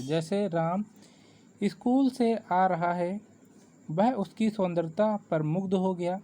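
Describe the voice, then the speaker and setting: A man's voice: high-pitched, mellow. A man teaching a grammar lesson for exam preparation, reading definitions steadily and counting items off with English ordinals.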